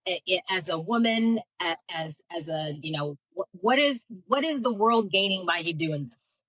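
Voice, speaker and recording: A woman's voice: on the low side, expressive, normal speed, fairly bright tone, no room sound, poor audio. An American woman hosting a casual livestream conversation. She speaks bluntly and directly, with many fillers. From United States. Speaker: host.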